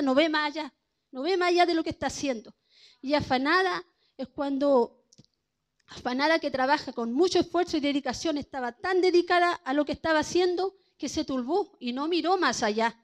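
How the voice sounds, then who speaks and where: A woman preaches in a high voice. She keeps her sermon conversational and keeps checking in with her congregation through questions. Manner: conversational, keeps asking "¿no es cierto?".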